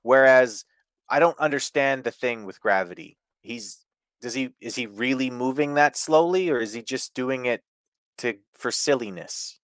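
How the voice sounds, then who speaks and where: A man's voice: mid-range voice, moderate pace, a bit bright, dry recording, studio quality. A man hosting a casual wrestling review podcast, blunt and opinionated, swearing freely. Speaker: podcast host.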